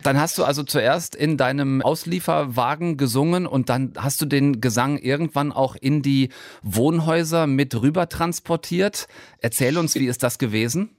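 Male radio host, conversational, medium pitch. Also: moderate pace, dry recording, studio quality. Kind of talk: conversational radio presenting and interviewing.

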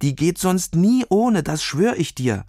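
A man's voice: high-pitched, very animated, measured pace, mellow, no echo, clean studio sound, pitched above the performer's own voice, heavily acted. A man reading a children's story aloud, voicing an eager, brave young girl who talks in an urgent, insistent way.

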